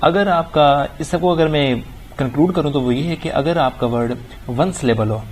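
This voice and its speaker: A man's voice: fairly high pitch, darkish tone, slight background noise. Man teaching grammar, inflected delivery. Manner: explains in Urdu-leaning Hindi, reads English examples slowly and deliberately. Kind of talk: recorded grammar lecture.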